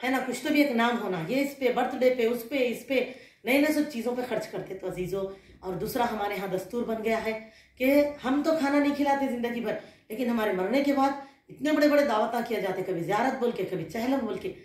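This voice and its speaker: A woman scholar delivers an earnest sermon to a gathering of women, posing rhetorical questions as she goes. Her voice sits a little high. The recording carries a roomy echo. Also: brisk, darkish tone. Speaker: religious scholar.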